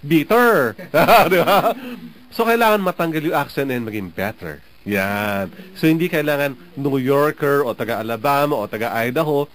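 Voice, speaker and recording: A man from the Philippines hosting a program, giving casual advice to listeners in a chatty way, often tagging "no?" onto his sentences. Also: a little high. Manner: chatty, often adds "no?" and laughs. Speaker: radio program host.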